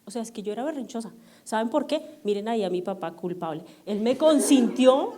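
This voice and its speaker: A middle-aged woman pastor, telling personal stories to her congregation in an animated, self-mocking way and checking in with the audience often. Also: a little high, fairly quick. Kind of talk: storytelling sermon to a congregation. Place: church service.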